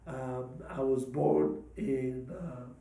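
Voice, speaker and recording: A man in his fifties from Congo, a pastor and podcast host, telling his life story slowly and hesitantly, with many pauses and fillers. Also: mid-range voice, level tone, vocal fry, dark tone, roomy sound, far from the mic, rough recording. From Democratic Republic of the Congo. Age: 50s. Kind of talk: personal testimony talk.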